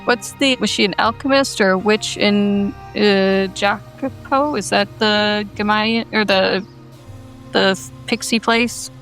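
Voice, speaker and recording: A woman's voice: mid-range voice, slow pace, a bit bright, faint music behind, rough recording. A woman player chatting casually, thoughtful and a little hesitant. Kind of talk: casual debrief chat.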